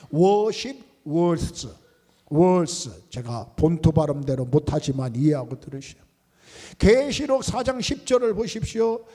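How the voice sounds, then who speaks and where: A man preaching with a high, animated voice that rises and falls widely. His tone is mellow and dark, and he leans hard on key words, repeating them. The sound carries a long reverb from a large church sanctuary. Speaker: pastor. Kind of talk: sermon.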